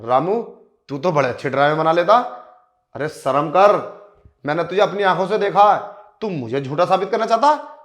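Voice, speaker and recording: Man playing a furious husband, shouting accusations, high-pitched voice, short film drama. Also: expressive, moderate pace, natural voice. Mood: angry. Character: furious husband, master of the house.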